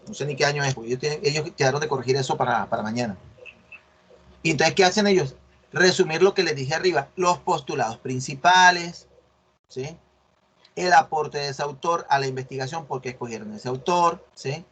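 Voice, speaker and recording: This male university instructor has a husky, slightly bright voice that runs a little high and fairly quick. Explaining a research assignment in an online class, he corrects students and keeps checking comprehension with "¿sí ven?"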